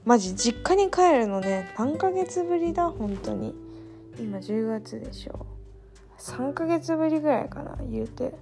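A young woman talks in a loose late-night monologue, slipping into rants and teasing herself. Her voice sits a little high with a gravelly, creaky edge. Soft music plays faintly behind her. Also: expressive, unhurried. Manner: chatty, ranting, self-mocking. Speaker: vlogger.

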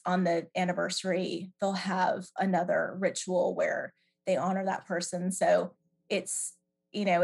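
A woman's voice: fairly low pitch, creaky. A middle-aged woman from Canada answering questions in a podcast interview, thoughtful and hesitant with many fillers. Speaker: guest.

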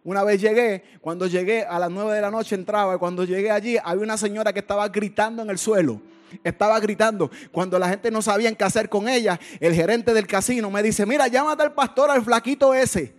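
A male pastor delivering a sermon, moving between hushed storytelling and loud, fervent outbursts. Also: high voice, fairly even intonation, a little fast.

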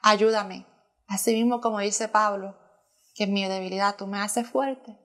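A woman's voice: mid-range voice, fairly even intonation, normal speed. A woman sharing a personal testimony as a church planter in conversation, earnest and emotional, often restarting her sentences.

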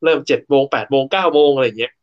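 A man in casual conversation, talking through workplace ideas and sharing his own job stories. His voice has a middle pitch, and the sound is a bit dull and lo-fi, as if from a modest recording. He often stumbles and repeats a word before going on. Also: animated, very fast. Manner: explanatory, tells workplace anecdotes with repeated restarts. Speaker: co-host and speaker. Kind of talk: casual talk on workplace motivation.

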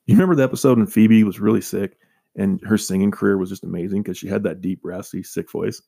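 A man's voice: fairly low pitch, fast talker, gravelly, dark tone. A man hosting a local sports radio show, reading scores and joking with his co-hosts in a casual, upbeat way.

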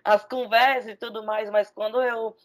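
A woman psychologist in casual chat, speaking in a measured, hesitant way with pauses and fillers. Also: fairly high pitch, fairly even intonation.

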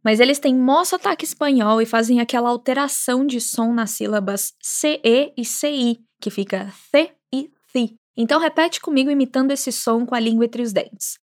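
Upbeat Brazilian woman teaching, slightly high. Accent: Brazilian Portuguese, Minas Gerais. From Minas Gerais, Brazil. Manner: slow careful modeling of phrases, upbeat and chatty asides. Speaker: Spanish teacher. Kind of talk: language lesson with repeat-after-me drills.

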